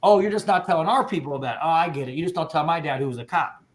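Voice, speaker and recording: A fast-talking man with a voice on the high side delivers an amped-up, informal training talk to his insurance agents on a video call. It's his agency, and he keeps calling people "dude" and "bro."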